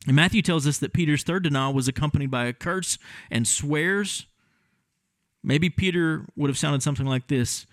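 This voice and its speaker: A man's voice: on the high side, moderate pace, dry recording. A male pastor giving a conversational sermon and acting out scenes in different voices.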